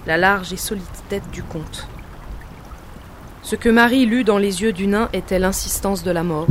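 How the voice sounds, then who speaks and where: Woman reading a novel quietly. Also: medium pitch. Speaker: audiobook reader. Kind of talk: literary audiobook narration.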